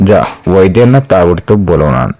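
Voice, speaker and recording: A man voicing a young prince who speaks with calm, measured authority. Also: low-pitched, dry recording, pitched below the performer's own voice. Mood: commanding.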